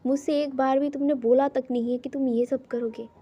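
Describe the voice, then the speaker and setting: A man's voice: very high voice, monotone, measured pace, mellow. A man voicing a young man who scolds and pleads with his lover, in a reproachful, pleading manner. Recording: dull lo-fi recording, faint music.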